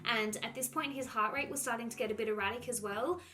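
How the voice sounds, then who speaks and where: A young woman telling a personal story to camera in a chatty, animated way, full of "like". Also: fairly high pitch, quick pace. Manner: chatty, animated, says "like" a lot. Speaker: vlogger.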